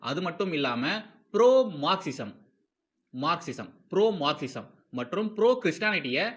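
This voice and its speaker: This man's fairly high-pitched, fairly bright voice carries a Tamil Nadu accent as he hosts a film commentary series. His video commentary is loose and opinionated, emphatic and repetitive, with rhetorical questions and English phrases mixed in.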